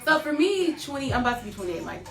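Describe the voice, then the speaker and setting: A woman in her twenties hosting a casual chat, talking quickly and asking questions. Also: high voice, vocal fry, reverberant. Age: 20s. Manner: quick, lively, asks questions. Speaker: host.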